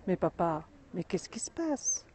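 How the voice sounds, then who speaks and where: Woman reading a curious hot-tempered young boy, calling out, storybook tale, mellow voice, slow. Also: lowish voice, very animated. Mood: puzzled. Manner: calling out, questioning.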